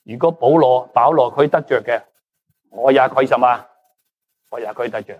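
A man preaching a sermon in a lively, animated way. He is a Cantonese speaker who slips in English words and keeps asking the congregation questions, then answers them himself. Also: mid-range voice, a little fast, breathy edge, highs cut off. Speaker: pastor.

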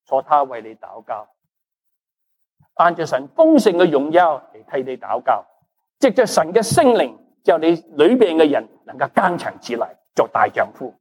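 Animated preacher man, Cantonese speaker. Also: a little high, moderate pace, breathy edge. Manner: animated, asks the congregation questions and answers them; mixes in English words. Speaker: pastor. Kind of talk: sermon.

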